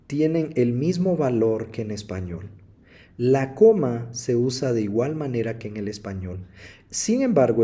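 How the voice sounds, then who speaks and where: A man teaching a slide lesson on New Testament Greek, explaining calmly and speaking straight to the viewers. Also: medium pitch. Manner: slow, explanatory, addresses viewers directly.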